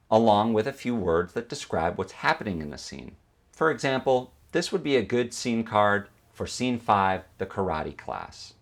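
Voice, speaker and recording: Male instructor for tutorial narration, lowish voice, explains clearly and sets up rhetorical questions. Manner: explanatory, poses questions and answers them. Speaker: film editing instructor.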